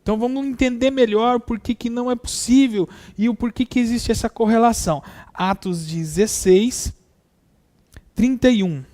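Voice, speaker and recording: A man preaching a sermon, reading scripture aloud and repeating verses, stretching key words and hitting them with sudden loud stresses. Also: very high voice, normal speed.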